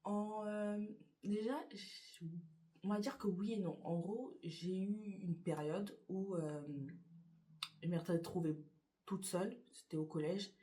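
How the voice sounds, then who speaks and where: Speaking slowly with a warm tone and medium pitch, this young woman answers get-to-know-me questions for her vlog. She's a YouTuber sitting by a window in her bedroom, and her casual delivery is hesitant, packed with fillers and restarted sentences.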